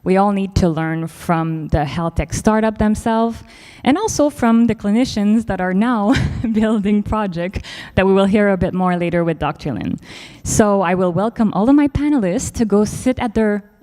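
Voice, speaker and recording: A woman's voice: medium pitch, normal speed, hardly any pauses, warm tone. Woman panel moderator, chatty and filler-heavy; event hall reverb. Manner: chatty, many fillers, laughs easily.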